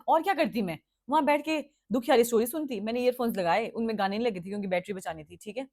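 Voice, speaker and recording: A young woman telling a dramatic personal story in a casual vlog, chatty and animated, jumping into high-pitched outbursts and dropping English phrases into her talk. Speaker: vlogger.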